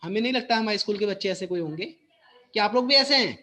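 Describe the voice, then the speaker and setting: A man with an Indian English accent teaches a school class, moving between Hindi and English and explaining things slowly and deliberately. His voice sits high and sounds animated, pushed, and bright.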